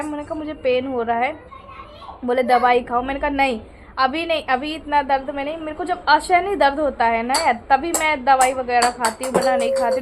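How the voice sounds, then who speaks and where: A young woman chatting casually on a home vlog, confiding and repeating herself, now and then cooing sing-song at a baby. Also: high voice. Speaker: vlogger. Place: at home indoors. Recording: noisy home phone recording.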